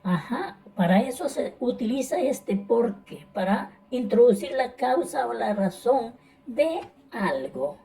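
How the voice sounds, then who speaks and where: Slow, patient woman teaching grammar. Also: a little high, big pitch swings, gravelly, mellow, recorded from a distance, rough recording. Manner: patient, repeats points, checks with "¿verdad?". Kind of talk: slow classroom explanation.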